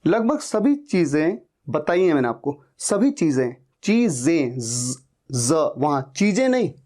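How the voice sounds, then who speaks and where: Low, slow woman teaching pronunciation. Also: big pitch swings, dark tone. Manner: repeats sounds slowly, drawn out for students. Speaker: English teacher. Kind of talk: pronunciation lesson.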